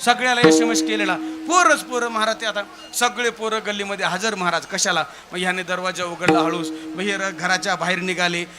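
A man's voice: high-pitched, fairly even intonation, fairly quick, few pauses. A male kirtan preacher telling a humorous devotional story, who keeps addressing and quizzing his listeners. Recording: live event with instrumental music.

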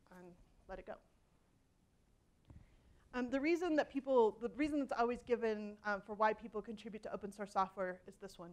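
Chatty woman giving a keynote talk. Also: on the high side. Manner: conversational, self-deprecating, frequent ums and restarts. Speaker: keynote speaker. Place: large conference hall stage.

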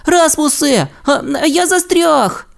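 A man voicing an excitable young male troodon dinosaur in a storybook, in an eager, squeaky, rushing way. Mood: panicked. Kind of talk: storybook voice acting.

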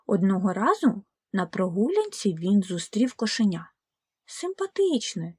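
A woman narrating a children's audiobook fairy tale in a slow, gentle, expressive way. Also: mid-range voice, husky, no room sound, clean studio sound. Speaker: storyteller.

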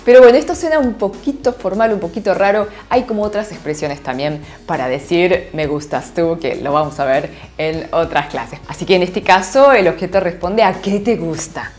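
A woman teaching a lively online Korean lesson, laughing often and checking in with her students. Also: on the low side, moderate pace, hardly any pauses, faint music behind. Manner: animated, laughs often, asks "¿sí?" constantly.

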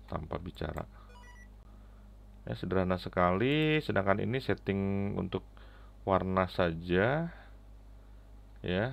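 Speaking low and creaky into a headset, a middle-aged man reviews an app in a casual, step-by-step walkthrough full of pauses and "ya" tags. He sits indoors at a computer with keys clicking, captured in slightly dull, lo-fi sound.

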